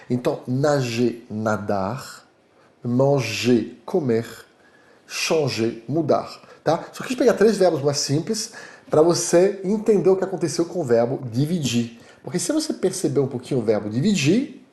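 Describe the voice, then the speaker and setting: A native French man with a French accent teaches in an animated, lively voice that sits a little high. The sound carries a noticeable room echo. He checks in constantly with his students as he explains. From Paris, France. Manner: animated, repeats "tá?" to check understanding. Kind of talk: online language lesson.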